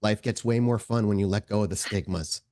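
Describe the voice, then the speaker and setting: A man's voice: fairly low pitch, a little fast, warm tone, no echo, studio quality, pitched below the performer's own voice, lightly acted. A man voicing a cheerful, pleasant suburban mother in a sweet, welcoming way, for a tabletop game.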